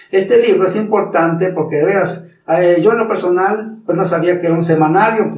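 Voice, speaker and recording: A man teaching public speaking, talking formally to the viewer and slowly demonstrating pronunciation. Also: high-pitched, a little mellow, reverberant, far from the mic, poor audio. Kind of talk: instructional talk.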